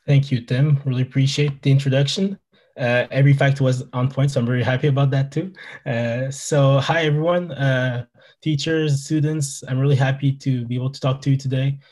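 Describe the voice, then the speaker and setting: A young native French speaker from Quebec, with a Québécois accent, gives a friendly presentation as a wildlife biologist guest over a video call on a headset from a small indoor room. His voice is medium-pitched, brisk and darkish with fairly even intonation, and he uses many fillers.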